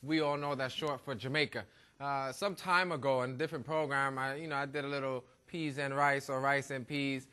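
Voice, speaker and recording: A man's voice: mid-range voice, fairly even intonation, fairly quick, pushed and bright. A man from Brooklyn hosting a cooking show in playful, joking banter with his guest. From Brooklyn, New York. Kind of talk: casual cooking show chat.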